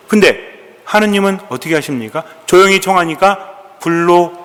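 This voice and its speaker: Priest giving a sermon, kinda high voice, chatty q-and-a style with the congregation, big echoey church. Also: male voice. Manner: storytelling, asking the congregation questions and answering them; colloquial and animated, acting out quoted dialogue. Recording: long echoing church reverb.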